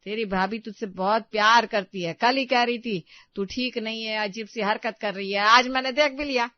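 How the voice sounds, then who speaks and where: A woman's voice: a little high, normal speed, dry recording, dull audio, lightly acted. A woman voicing an older mother-in-law in a cartoon story, scolding but affectionate. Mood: coaxing.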